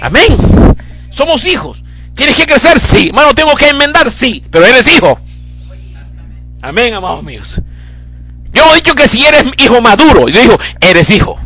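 A man's voice: very high-pitched, very animated, normal speed, pauses often, bright, forceful tone, husky, faint music behind. A man preaching a sermon as pastor, impassioned and fervent, building into cries.

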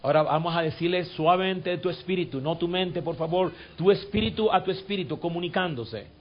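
A pastor leading his congregation in a sermon and guided prayer. He repeats scripture lines, swells to fervent peaks and sinks to soft, coaxing tones. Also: high-pitched, fairly quick, highs cut off. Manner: repeats phrases and drills scripture.

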